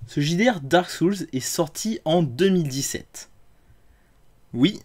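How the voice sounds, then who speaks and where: A man hosts a comedic review of tabletop role-playing games. His voice sits a little high, and he talks with dry sarcasm and casual swearing. He slips into theatrical, mocking bits. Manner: sarcastic and crude, with theatrical outbursts. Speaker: host of a tabletop game review show.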